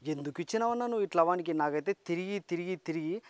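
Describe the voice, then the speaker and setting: A man with a high voice and quick delivery complains loudly in a village comedy skit. He, and his voice sounds close and dry. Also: dry recording. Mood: complaining. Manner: complaining, shouting.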